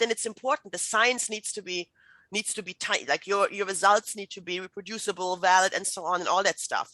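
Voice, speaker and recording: Over a video call, a writing instructor from Germany, a middle-aged native German speaker, leads a chatty online workshop with lots of fillers and false starts. Her medium-pitched voice is bright and forceful, and the recording is dry and rough.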